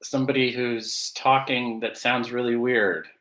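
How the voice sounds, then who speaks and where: A man's voice: medium pitch, little pitch movement, unhurried, a bit bright, echoey room. A man chatting casually on a video call, thoughtful with hesitant restarts, through a tinny, metallic-sounding tin-can mic. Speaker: regular co-host on a video call. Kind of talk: casual chat. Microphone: poor computer mic on a video call.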